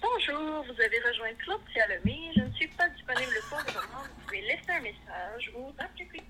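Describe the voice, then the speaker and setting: A woman's recorded voicemail greeting, played back over a phone speaker, polite and bright with a faint laugh in it. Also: high-pitched, animated, a little fast, noisy background. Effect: answering machine greeting played over a phone speaker.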